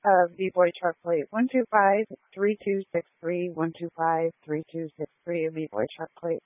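A male police officer calls in over a two-way radio in a procedural, precise manner. His pitch is a bit high. The audio is very narrow and dry. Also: little pitch movement, unhurried, no echo. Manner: procedural, spells out letters and numbers. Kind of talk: police radio call-ins.

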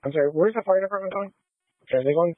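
A male police officer calls in traffic stops and spells out plates, flat and matter-of-fact, in a high voice at a very fast pace. His speech comes over a narrow, phone-like radio channel, and the sound is dry and close with no room sound.

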